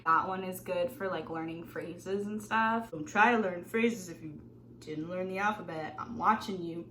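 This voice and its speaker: On poor audio with slight background noise, a young woman with a lowish voice talks at normal speed to the camera from her small bedroom. As a vlogger she offers casual tips, mocking herself, chatting animatedly, laughing and dropping asides.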